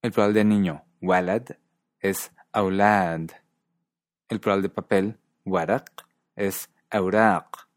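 A man narrating a scripted language lesson in a calm, measured way, carefully pronouncing foreign example words. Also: low-pitched, no room sound, studio quality.

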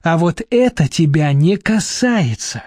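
A shrewd, commanding woman hands down terms in slow, steely words, as a male audiobook narrator voices her. The voice is dark and mellow, the recording close and dry. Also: on the high side, expressive, no echo. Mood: stern. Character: stern middle-aged woman, shrewd and commanding.

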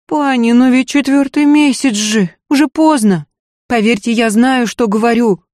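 Brief: frightened high-voiced maid, timid and pleading, read by a woman, dry close read. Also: normal speed, a little mellow, no echo, close to an everyday voice.

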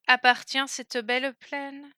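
A woman voicing a spoiled young princess who speaks in a high, lamenting, fussy way. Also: flat delivery, takes it slowly, pushed and bright, dry recording, studio quality, heavily acted. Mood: plaintive.

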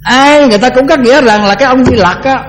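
An older man, a Buddhist monk, giving a conversational dharma talk that often repeats words and slows down to chant verses. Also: very high-pitched, a little hiss or hum, poor audio.

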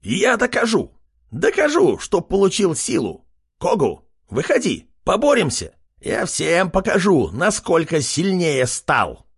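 A man voicing a boastful male pig-man warrior in a fantasy audiobook, his voice husky. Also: on the high side, wildly swooping pitch, unhurried, no echo, studio quality, pitched above the performer's own voice, exaggerated voice. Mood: excited shouting.

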